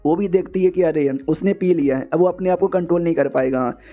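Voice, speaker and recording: A man's voice: on the high side, fairly quick, dark tone, highs cut off. A man casually retelling a comic story in a slangy, chatty way, with lots of filler phrases. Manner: slangy, chatty, repeats filler phrases, calls listener brother. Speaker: manhwa recap narrator.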